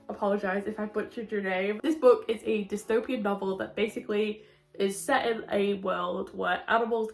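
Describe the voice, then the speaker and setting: A sick woman reviewing a book in casual chat, her voice muffled as if heard through a window, chatty and often laughing. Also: medium pitch. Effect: muffled, as if talking through a window. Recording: echoey room.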